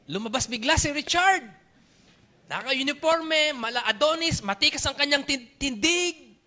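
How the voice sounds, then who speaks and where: A man with a Filipino accent preaching a sermon, animated, telling stories and switching between Tagalog and English. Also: extremely high pitch, unhurried. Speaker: pastor.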